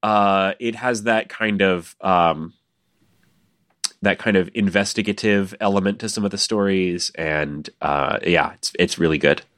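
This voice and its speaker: Casting: male podcast co-host, very deep, dry close sound, stop-start delivery. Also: fairly bright tone, dry recording. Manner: halting, repeats words, laughs easily. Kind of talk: casual podcast chat.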